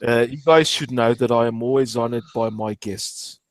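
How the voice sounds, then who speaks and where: A man from Portugal hosting a casual online stream chat, halting and full of fillers and restarts. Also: medium pitch, no echo. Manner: hesitant, many fillers and restarts. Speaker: stream host.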